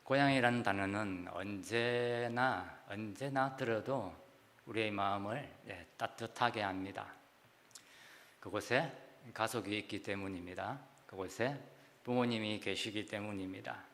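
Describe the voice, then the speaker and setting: A middle-aged man from Gyeongsang with a Gyeongsang accent, preaching a sermon in a church and chatting warmly, often saying "ye" between phrases. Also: fairly low pitch, a little slow. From South Gyeongsang, Korea. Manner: warm, chatty preaching with frequent "ye" fillers. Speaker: pastor. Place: church sanctuary. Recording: long hall reverb.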